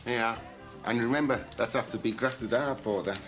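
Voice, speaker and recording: An actor playing a shifty working-class dad with a Liverpool accent, evasive and defensive when pressed. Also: male voice, medium pitch, normal speed, music in the background, close to an everyday voice. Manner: evasive, defensive, shrugging things off. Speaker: robber and father. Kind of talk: TV soap acting.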